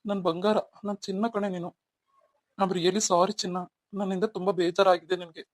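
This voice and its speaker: A woman's voice: mid-range voice, little pitch movement, moderate pace, no room sound, lightly acted. A woman voicing a young man in a cartoon, a devoted husband who talks in a tender, apologetic, coaxing way. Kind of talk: cartoon voice acting.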